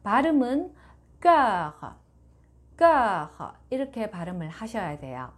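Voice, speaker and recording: A woman teaching a language lesson, patiently explaining phrases and reading French lines slowly and clearly. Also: medium pitch, very animated.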